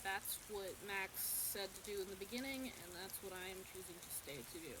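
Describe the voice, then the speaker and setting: A woman's voice: medium pitch, a little fast. A woman playing a tabletop game, speaking hesitantly with frequent ums as she decides her character's moves. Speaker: player. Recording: hissy background noise.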